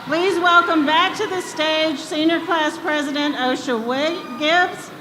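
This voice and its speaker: A woman's voice: sits high, measured pace. An American woman giving a formal ceremonial address at a podium microphone, over an echoey PA in a noisy gym. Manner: speaking at a podium microphone to a hall. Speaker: school official presiding at graduation. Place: school gym with PA system.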